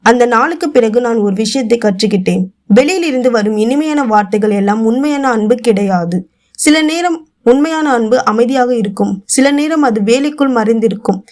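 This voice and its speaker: Quiet, confessional woman storyteller. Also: on the high side, moderate pace. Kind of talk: first-person story narration.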